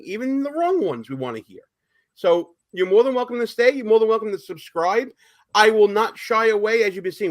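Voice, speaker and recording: A man's voice: sits high, fairly bright tone. A man with a Brooklyn accent hosting a casual live political talk show in a chatty, informal way.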